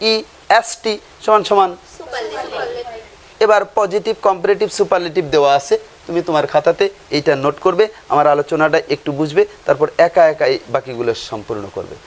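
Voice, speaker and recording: A male teacher giving a grammar lesson, asking questions and answering them himself, repeating each word form slowly. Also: sits high. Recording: faint hiss.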